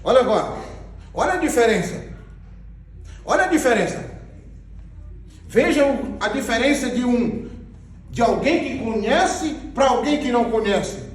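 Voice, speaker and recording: A man's voice: extremely high pitch, lively intonation, a little slow, long pauses. A man with a Brazilian Portuguese accent preaching a sermon, emphatic and repeating his phrases as he points at a diagram. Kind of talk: sermon teaching with Bible readings. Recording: very echoey, far from the mic.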